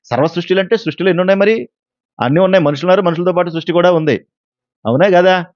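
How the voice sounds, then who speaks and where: A man preaches at a brisk clip in a slightly high voice, mixing a story with questions to his listeners. The sound is dry and a bit dull, with a lo-fi feel. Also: dry recording. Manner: storytelling with questions to the congregation and acted quotes. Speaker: pastor. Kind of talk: sermon.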